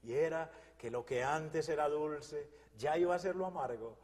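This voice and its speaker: A man's voice: fairly high pitch, normal speed, darkish tone, in a large hall. A man from Colombia gives an earnest, fervent religious testimony, often repeating his phrases. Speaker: testimony guest.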